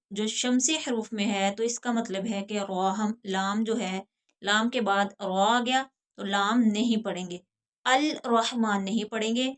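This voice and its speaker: Slow, deliberate woman teaching a lesson. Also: mid-range voice, a bit bright. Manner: slow, deliberate explanation, drawing out example words. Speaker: Quran teacher. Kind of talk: recorded lesson.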